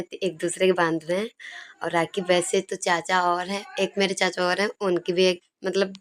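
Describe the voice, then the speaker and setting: A young woman casually narrating her family video in a chatty, fond way, laughing now and then. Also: lowish voice. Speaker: vlogger.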